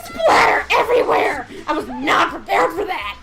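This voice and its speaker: A shrill, high, giggling killer girl who shouts with manic glee, as a woman puts her on. The voice jumps up and down wildly. Game music plays behind her. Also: huge pitch swings, moderate pace, vocal fry, full character voice. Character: manic giggling murderous teenage girl alter ego.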